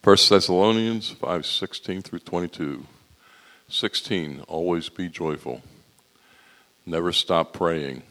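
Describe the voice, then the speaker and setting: Man with a very deep voice, steady scripture reader. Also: takes it slowly. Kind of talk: reading scripture aloud.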